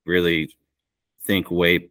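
He sounds like a man in his thirties: a low, fairly flat voice, slow-paced, a bit bright, with a clear, resonant tone. As a podcast guest who runs a small woodworking business, he chats casually and candidly from his small indoor shop, rambling a little, over a video call microphone. The recording is dry, with a clean studio sound.

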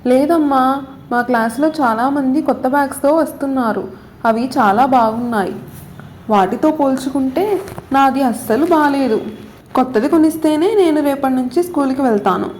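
A woman's voice: high-pitched, moderate pace, darkish tone, a little hiss or hum, lightly acted. A woman voicing a stubborn young schoolgirl who insists on getting her way, in a storybook reading. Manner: sulky, insistent demands.

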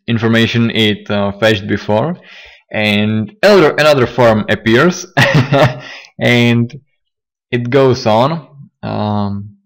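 A man teaching a coding tutorial, a little hoarse and talking haltingly with fillers and restarts. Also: fairly low pitch. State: slightly hoarse, losing his voice. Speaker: programming tutor. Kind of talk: screen-recorded coding tutorial.

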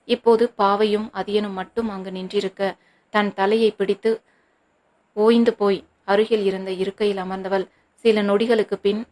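A woman narrating a novel as an audiobook, reading steadily and evenly. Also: mid-range voice.

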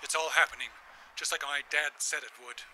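A man's voice: on the high side, steady tone, brisk, bright, forceful tone, a little hiss or hum. An actor playing a frantic, secretive old grandfather who stammers and pleads urgently. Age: older. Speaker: grandfather on a payphone.

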